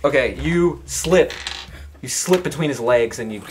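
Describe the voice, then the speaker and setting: A man narrates a tabletop game as game master, joking crudely and informally with his players. His mid-pitched voice moves around a lot in tone, recorded in a noisy room with clicks. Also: animated, measured pace. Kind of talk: casual tabletop role-play narration among friends.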